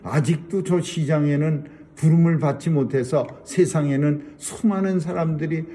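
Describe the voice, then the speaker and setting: Warm-voiced Korean pastor preaching. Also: male voice, a little high, normal speed. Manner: emphatic, repeats key phrases, rising and falling delivery. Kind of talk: sermon.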